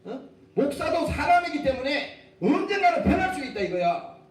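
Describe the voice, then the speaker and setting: A man's voice: very animated, normal speed. A male pastor preaching a Sunday sermon, emphatic, peppering his talk with rhetorical questions and acting out quoted speech. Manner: acts out quoted speech in dramatic low voice. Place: church sanctuary. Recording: echoey church from a distance, faint rumble.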